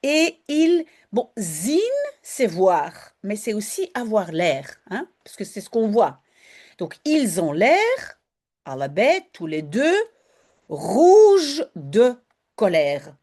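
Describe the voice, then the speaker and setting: Slow, lively teacher, woman. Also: medium pitch. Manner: slow, explanatory, switching between Dutch and French. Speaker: Dutch language teacher. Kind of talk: line-by-line reading and translation lesson.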